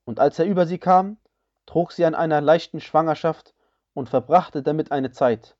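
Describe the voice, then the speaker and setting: A man reading a scripture translation aloud in a measured, solemn way, each phrase evenly paced. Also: a little high, darkish tone, muffled recording.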